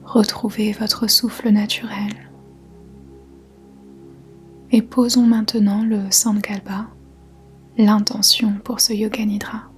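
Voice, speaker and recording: A woman leads a yoga nidra guided meditation, giving slow, soothing instruction in a soft, breathy, whispery mid-range voice. She speaks calmly in measured short phrases separated by gentle pauses, over faint music.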